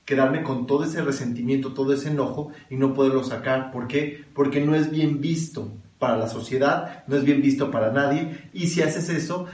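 A man teaching a spiritual class in an easy conversational way, pitching questions at his listeners and checking that they follow. His voice sits at an ordinary pitch and is picked up from some distance in a roomy, echoing space. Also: moderate pace, hardly any pauses, a little mellow. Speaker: kabbalah teacher. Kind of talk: spiritual lecture. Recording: echoey room, mic at a distance.

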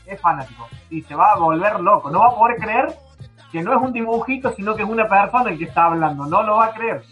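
A man co-hosting an interview, talking excitedly and repeating himself. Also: high-pitched, quick pace, dull audio, soft background music. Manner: excited, repetitive. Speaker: podcast co-host. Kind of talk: enthusiastic casual chat.

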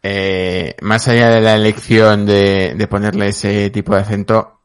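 A man, breaking down a film plot in a measured, analytical way in a casual discussion. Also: lowish voice, flat delivery, clean tone. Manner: measured, analytical, many fillers.

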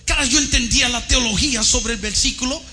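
High, bright-voiced fervent male preacher. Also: fast talker, soft background music. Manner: fervent, shouting at peaks, addresses listeners as brother. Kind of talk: impassioned testimony sermon.

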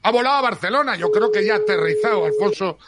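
A man with an accent from Spain presenting a sports radio show in a lively, informal, colloquial way, often repeating himself. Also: sits high, fast talker. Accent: Spanish, from Spain.

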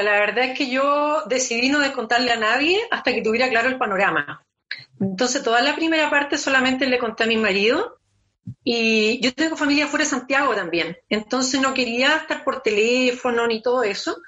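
A woman's voice: high-pitched, bright, forceful tone. A woman journalist speaking fluently and upbeat about her treatment in an interview. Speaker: journalist guest. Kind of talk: personal interview. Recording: dull lo-fi sound.

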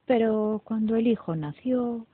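A woman reading a children's story aloud in a lively, animated way. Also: on the high side, unhurried. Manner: animated read-aloud with voices. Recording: dry, tinny phone-like, raspy.

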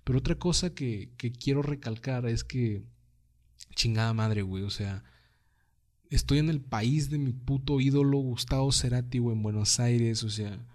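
A man's voice: mid-range voice, moderate pace, a little mellow. Laid-back Mexican guy on a podcast. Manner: slangy, swears freely, says "güey" constantly. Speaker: podcast host. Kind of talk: casual solo podcast monologue.

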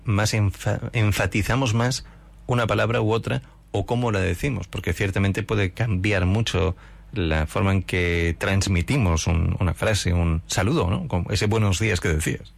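A man's voice: sits low, steady tone, moderate pace, gravelly. A man hosting a radio interview, conversational and asking his guest's opinion. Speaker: radio host.

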